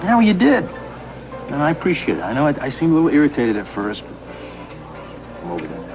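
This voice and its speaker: An actor playing a friendly grown son in a television soap opera, casual, sincere and a little hesitant. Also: male voice, on the high side, huge pitch swings, a little fast, rough recording. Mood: apologetic. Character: friendly grown son, back at his family home. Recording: clear background music under dialogue.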